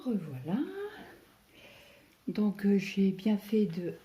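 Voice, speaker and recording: Speaking slowly in a warm, medium-pitched voice, a middle-aged cross-stitch vlogger chats at home while stitching along with her audience. She thinks aloud as she goes and now and then lets a thought trail off.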